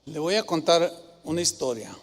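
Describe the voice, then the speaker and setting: A male pastor, preaching a sermon and telling stories with lively rhetorical questions. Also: fairly high pitch, moderate pace. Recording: long hall reverb.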